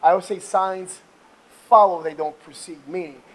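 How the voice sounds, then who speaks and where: A man's voice: high-pitched, fairly even intonation, normal speed. A man hosting a casual motivational interview, talking emphatically like a salesman while exercising on a treadmill. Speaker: interview show host.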